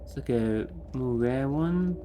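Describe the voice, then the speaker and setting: Slow, muttering man playing a game. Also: medium pitch, lively intonation, background noise. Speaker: gamer playing and commenting. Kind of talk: casual let's play commentary.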